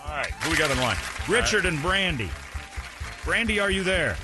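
A man's voice: on the high side, sing-song, a little fast. A man playing a pompous, giggly, self-important boss in comedic radio banter. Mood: showy. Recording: music and crowd noise behind.

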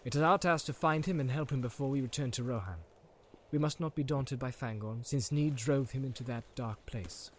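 A man voicing a steady, grave male ranger leader in a storybook reading, speaking quietly and measuredly. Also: medium pitch, a little fast, slight background noise, natural voice. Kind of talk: audiobook reading.

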